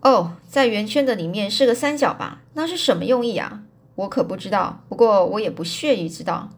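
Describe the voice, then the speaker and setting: A woman voicing a calm, fearless young man who speaks with unbothered composure. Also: mid-range voice, a little fast, husky.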